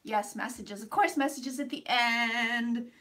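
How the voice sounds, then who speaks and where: A woman with a high, bright voice hosts a casual livestream. She sounds a little congested as she rambles and thinks aloud. Her manner is playful and sweary, with effusive greetings to her viewers. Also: a little slow. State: slightly congested after flu. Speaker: livestream host doing psychic readings.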